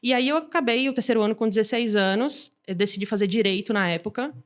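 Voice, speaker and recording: Lively young woman from Salvador. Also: a little high, quick pace. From Salvador, Brazil. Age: 20s. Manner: lively, informal, enthusiastic storyteller. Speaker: guest entrepreneur. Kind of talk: casual interview chat.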